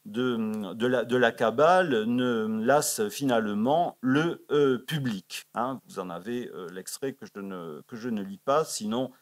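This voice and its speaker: A man's voice: medium pitch, unhurried, hardly any pauses. A man presenting a scholarly paper at a conference in a library auditorium. He sprinkles his delivery with fillers like "hein" and "euh" and reads verse quotations with raised emphasis. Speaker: conference speaker. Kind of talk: academic conference talk.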